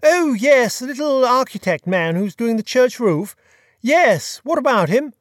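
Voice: mid-range voice, sing-song, measured pace, no echo, pitched above the performer's own voice. Courteous upper-class gent, airy and clipped, storybook reading, dry sound, narrator-voiced. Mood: breezy. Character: genial aristocratic gentleman sleuth, light and courteous.

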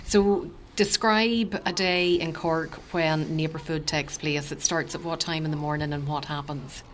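A woman's voice: sits low, fairly even intonation, a little slow, a little hiss or hum. A woman putting questions as an interviewer.

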